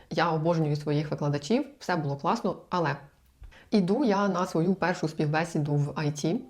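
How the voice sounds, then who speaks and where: A woman's voice: lowish voice, warm tone. A young woman from Ukraine giving language-learning advice in a casual, chatty talk to the camera, explaining with examples and asides.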